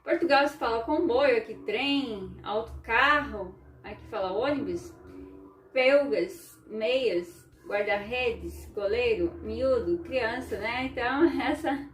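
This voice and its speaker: High-voiced woman with a Ukrainian accent. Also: a little hiss or hum. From southern Brazil. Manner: explanatory, tags sentences with frequent 'né?', reads out word lists slowly. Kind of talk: educational talk. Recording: echoey room, distant mic, faint music behind.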